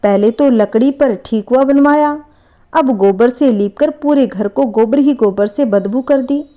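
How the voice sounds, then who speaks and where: A scornful, irritable young wife talks in a sharp and dismissive way, played by a woman storyteller. Her tone is mellow and set a little high. She belongs to a spoken devotional story. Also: a little slow, highs cut off, natural voice. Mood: irritated.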